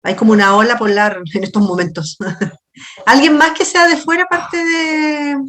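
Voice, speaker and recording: In an online lecture, a middle-aged university teacher with a Chilean accent chats with students, peppers them with questions, and explains falteringly. Her voice sits high, with a steady and fairly bright tone.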